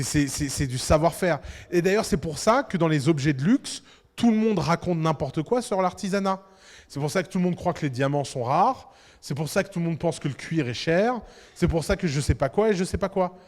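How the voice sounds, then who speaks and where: A man with a high-pitched voice lectures entrepreneurs in a big conference hall. He speaks in an animated, provocative way and addresses the crowd directly, and a long reverb trails behind his words.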